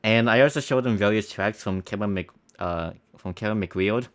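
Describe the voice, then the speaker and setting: A man's voice: lowish voice, moderate pace. A young man casually commenting on his old school video, rambling with many restarts and small laughs.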